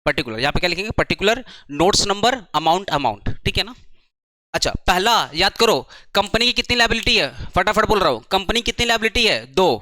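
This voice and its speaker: Male tutor, brisk, repeats terms, dry close sound. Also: high-pitched, lively intonation, bright, forceful tone, dry recording. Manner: brisk, urges students to write fast, repeats terms. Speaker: commerce tutor. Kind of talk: classroom lecture. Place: coaching classroom.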